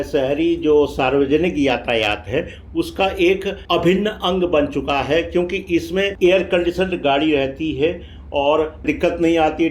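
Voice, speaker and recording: A man giving informative travel vlog commentary, explaining things directly to viewers. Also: fairly high pitch. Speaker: vlog host. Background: faint metro train ambience.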